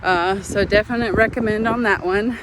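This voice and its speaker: A woman's voice: mid-range voice, steady tone, normal speed. A woman chatting casually to her viewers as a vlogger, talking into a phone while out on a walk. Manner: chatty, self-deprecating, talks to viewers as friends. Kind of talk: casual vlog chat. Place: outdoors on a walk near traffic. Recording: outdoor traffic noise behind.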